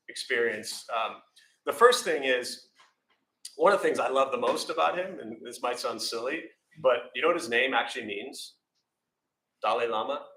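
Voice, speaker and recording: An American man gives a casual dharma talk with questions in a temple meditation hall, and the room sounds echoey. He's self-deprecating and rambles, using plenty of fillers. His voice is mid-range with a sharp tone.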